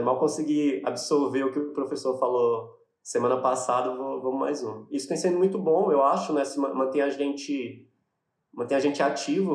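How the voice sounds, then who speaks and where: A man talking casually in an online panel, relaxed and hesitant, with many fillers. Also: mid-range voice. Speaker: double bassist in online panel. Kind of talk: casual online video call discussion. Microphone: video call. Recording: echoey room on video call.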